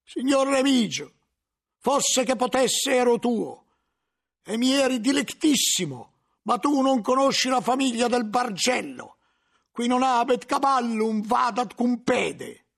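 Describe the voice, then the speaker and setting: A man voicing a broken vagabond monk who speaks slowly and haltingly. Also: very high voice, animated, vocal fry, pitched above the performer's own voice, heavily acted. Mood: pleading. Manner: slow, halting, mixing Latin. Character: broken male vagabond monk, pleading and defiant.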